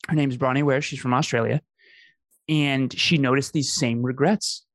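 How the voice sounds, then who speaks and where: A man's voice: mid-range voice, fairly even intonation, normal speed, a bit bright, no echo, studio quality. A man, telling his life story in an earnest, emphatic conversational way. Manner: earnest, emphatic, repeats phrases for effect. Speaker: podcast host telling his story as a guest.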